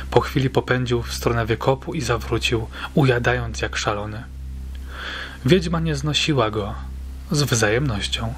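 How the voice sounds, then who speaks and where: A man narrating a short horror story as an audiobook reader, in a measured, suspenseful storytelling manner. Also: mid-range voice, a bit bright, slight background noise. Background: faint background music.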